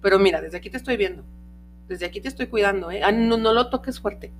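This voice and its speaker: A woman's voice: medium pitch, quick pace, slight background noise, natural voice. A woman voicing a confident, protective adult dog that questions strangers in a wary, firm way.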